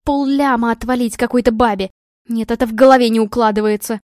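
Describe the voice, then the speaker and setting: A woman voicing a furious young wife who scolds her husband in a shrill voice. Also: steady tone, fast talker, darkish tone, no room sound, clean studio sound, lightly acted. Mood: outraged.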